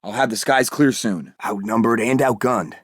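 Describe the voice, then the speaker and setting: An actor playing Captain America, a heroic and determined American soldier, delivering terse, earnest video game lines. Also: male voice, medium pitch, moderate pace, husky, no room sound, studio quality, close to an everyday voice. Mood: focused, determined.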